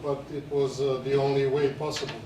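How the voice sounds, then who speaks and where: Brisk and flat in delivery, this man speaks at a medium pitch while giving unscripted interview answers. He's a documentary filmmaker from Serbia attending a festival, and he falters and repeats himself as he explains. The sound is echoey, with a far-off mic and faint noise from the screening venue.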